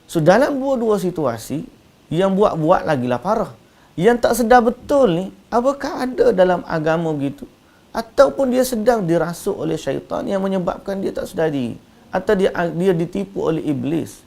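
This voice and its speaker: A man's voice: high voice, expressive, normal speed, creaky, a little mellow. A man with a Malaysian Malay accent giving a religious lecture as a teacher, explaining with rhetorical questions to his listeners.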